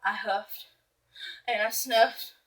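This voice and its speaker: A woman's voice: a little high, steady tone, slow, a bit bright, far from the mic, low-quality recording. A woman voicing a male storybook wolf who tells his story with dramatic, indignant asides and excuses, like a read-aloud for children. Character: male storybook wolf, aggrieved, self-excusing, theatrical narrator.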